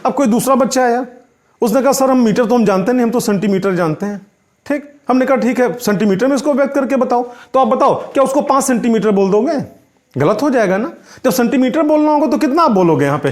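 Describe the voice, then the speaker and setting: A man, teaching a physics lesson and checking in with rhetorical questions. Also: extremely high pitch. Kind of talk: explanatory classroom lesson.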